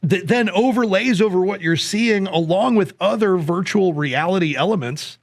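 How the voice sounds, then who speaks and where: A man's voice: high voice, normal speed, no echo, studio quality. Joking man on a podcast. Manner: joking, rambling, plugs gear sales. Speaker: podcast co-host. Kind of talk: casual chat.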